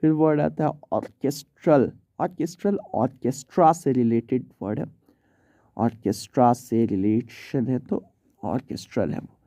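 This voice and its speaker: Chatty Hindi-speaking male teacher, dark-toned. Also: medium pitch, moderate pace, no echo, clean studio sound. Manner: chatty, informal, often says "theek hai". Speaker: English teacher. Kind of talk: vocabulary lesson in Hindi.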